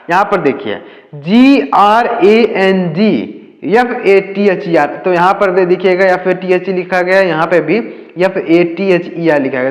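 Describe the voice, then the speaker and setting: A man teaching English reading in Hindi, spelling words out letter by letter and asking the class questions that he answers himself. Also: sits high. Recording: echoey room with long reverb.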